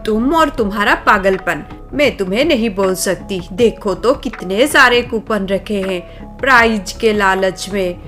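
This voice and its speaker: A woman's voice: medium pitch, measured pace, a bit bright, faint music behind, natural voice. A woman voicing an exasperated, doting mother who chides her daughter, in a cartoon story. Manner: chiding, exasperated.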